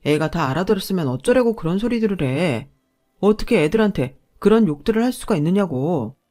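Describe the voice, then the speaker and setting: A woman voicing an angry husband who shouts accusations at his mother. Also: fairly low pitch, lively intonation, a little fast, faint music behind, lightly acted.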